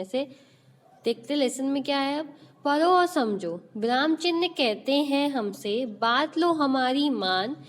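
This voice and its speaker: A woman's voice: a little high, in a large hall. A woman teacher, teaching an online class and quizzing children with repeated questions as she explains. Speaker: school teacher.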